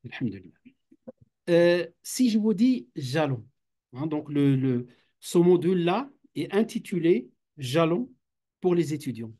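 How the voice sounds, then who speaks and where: A teacher at an Islamic institute lectures a class of students in a classroom, speaking French though his first language is Arabic. His voice is a little high for a man, sing-song and warm, and he's hesitant, full of fillers and restarts, dropping in Arabic phrases.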